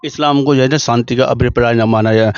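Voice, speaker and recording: A man's voice: medium pitch, steady tone, brisk, clean tone, dry recording, muffled recording. Man interviewer asking pointed questions. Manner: frequent murmured agreement.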